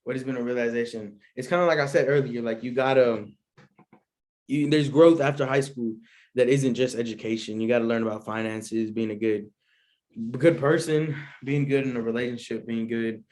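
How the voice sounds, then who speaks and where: A man's voice: medium pitch, steady tone, moderate pace, darkish tone. A young man hosting a solo show, chatting casually as he answers questions, rambling and slangy with lots of asides. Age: young adult. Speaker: podcast host.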